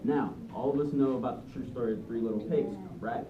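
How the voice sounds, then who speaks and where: A teacher reads aloud to a group of children in an indoor room, making it interactive by prompting them with questions. The voice is medium-pitched and quick, and the audio is dull and noisy, captured from a distance in a roomy space.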